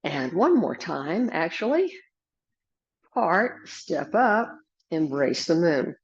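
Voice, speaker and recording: Low husky lady doing serene tai chi cues, slow n gentle, step by step, kinda muffled lo-fi audio. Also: sing-song. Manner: gentle, unhurried instructing in short step-by-step cues. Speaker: tai chi and qigong instructor. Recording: dull lo-fi sound.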